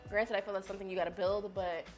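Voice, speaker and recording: Casting: woman, mid-twenties, chatty and sassy beauty vlogger, medium pitch, soft music underneath. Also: little pitch movement, fast. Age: 20s. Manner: chatty, sassy, talks straight to viewers. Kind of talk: casual makeup haul chat.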